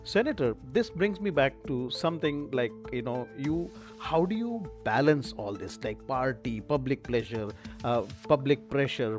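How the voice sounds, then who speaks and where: A man hosting a podcast interview, asking questions eagerly and admiringly. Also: mid-range voice. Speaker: podcast host.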